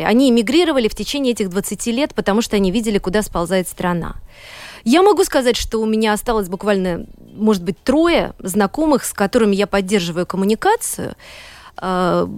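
A middle-aged teacher and economist from Saint Petersburg, Russia, is a guest in a studio interview. Her mid-range voice has a darkish tone and a dry sound with no room echo, and she tells her story earnestly and emphatically, hesitating often.

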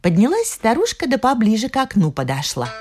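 A woman narrating a folk tale in an expressive telling. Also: fairly high pitch, a little fast. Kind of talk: storybook narration. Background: faint music.

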